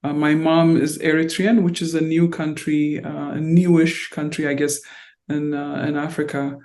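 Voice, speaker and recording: A middle-aged woman born in Ethiopia and raised in North Carolina, a diplomat recalling her life in an oral history interview, halting and reflective with many fillers. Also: sits low, level tone, darkish tone.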